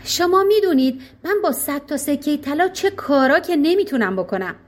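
A woman voicing a greedy, boastful grown man in a storybook tale. He talks in an eager, grasping, excitable way. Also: sits high, voice pushed up. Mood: greedy glee.

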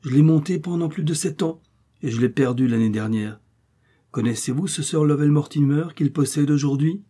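A man's voice: a little high, normal speed, dark tone, husky, pitched above the performer's own voice. A man reading the part of a determined young male traveler, speaking firmly and insistently.

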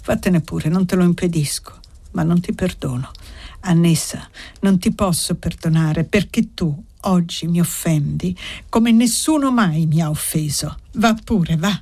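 A woman's voice: on the low side, unhurried, warm tone, slightly rough. A woman reading the part of an agitated young man who is proud and bitter, in an audiobook. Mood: bitter, wounded. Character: proud anguished young man refusing forgiveness.

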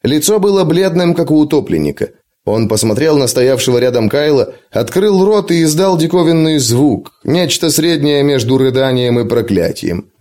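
A man reading an adventure audiobook in a dramatic, expressive narration. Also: fairly high pitch, moderate pace. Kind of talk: scripted narration.

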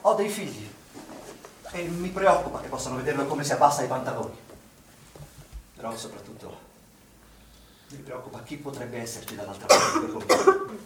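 A man acts on stage as an anxious, accusing father protective of his children, insistent in a theatrical style and sounding uneasy and confiding. His natural mid-range voice swings widely in pitch at a moderate pace with frequent pauses. The recording is echoey, with a distant mic and background noise.

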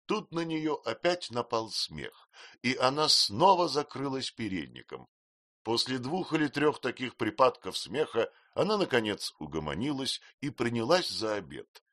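A man narrating an audiobook with an expressive, animated reading. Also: medium pitch, normal speed, dry recording, clean studio sound.

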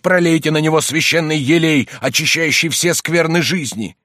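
Storybook figure: man reading as a frightened guilt-torn monk, low and pleading, dry sound. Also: moderate pace, fairly bright tone, dry recording, close to an everyday voice.

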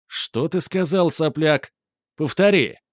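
A man voicing an arrogant, hot-tempered teenage schoolboy bully who shouts sneering insults. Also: a little high, unhurried, dry recording, pitched above the performer's own voice, lightly acted. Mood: furious.

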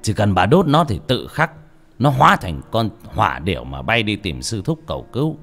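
A man voicing a resolute old exorcist who speaks in a grave, calm, resigned way, in an audiobook. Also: lowish voice, normal speed, gravelly, soft background music, full character voice.

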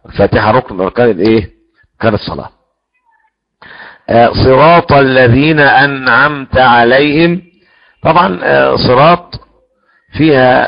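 A man teaching the readings of the Quran in a religious lesson, explaining and slowing down to chant the verses he cites. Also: mid-range voice, creaky, muffled recording.

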